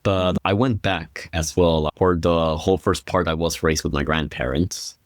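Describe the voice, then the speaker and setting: A man from Guatemala, a guest telling about his upbringing in a relaxed, rambling way with plenty of fillers. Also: low-pitched, measured pace, dry recording, studio quality. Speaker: guest storyteller. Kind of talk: casual interview chat.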